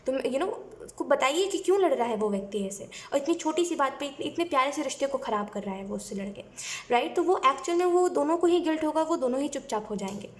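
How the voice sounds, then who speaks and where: A woman's voice: high-pitched, lively intonation, fast talker, roomy sound. A woman doing a weekly tarot reading, talking to viewers in a chatty, advising way and often mixing in English phrases. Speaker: tarot reader.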